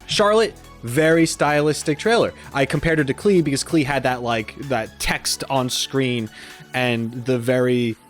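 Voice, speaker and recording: A reaction video host gives casual gaming commentary in a mid-pitched voice, rambling in a chatty, self-deprecating way. Faint music plays behind him.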